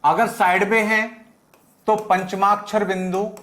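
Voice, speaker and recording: A man's voice: sits high, flat delivery, takes it slowly, fairly bright tone, echoey room. A male Hindi teacher with a western Uttar Pradesh accent, giving a lesson and answering his own questions again and again. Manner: repeats questions and answers them himself. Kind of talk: classroom lesson.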